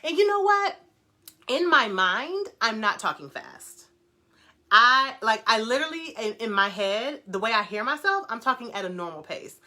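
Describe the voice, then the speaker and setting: A middle-aged woman hosts a casual live stream, her voice bright and clear. She talks quickly and with excitement, reading viewers' questions aloud and answering each one warmly. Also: on the high side. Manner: fast-talking, excited, reads viewer comments aloud. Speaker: brand owner hosting a live stream.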